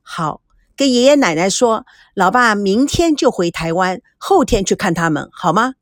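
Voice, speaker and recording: A woman reading a brisk businessman father. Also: mid-range voice, animated, no echo, clean studio sound, close to an everyday voice. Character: busy middle-aged businessman father, brisk but doting.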